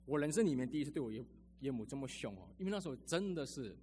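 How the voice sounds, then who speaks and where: A man's voice: mid-range voice, lively intonation, rapid-fire, darkish tone, a little hiss or hum. A man preaching a sermon as a pastor, telling personal stories in a chatty way with lots of sentence-final particles.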